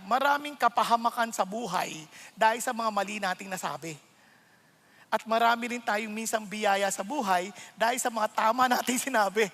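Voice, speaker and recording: Filipino guy preaching in a big echoey church hall, keeps asking the crowd questions. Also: very high-pitched. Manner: animated, rhetorical questions, mixes English into Tagalog. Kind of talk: sermon. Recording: long reverb of a large hall.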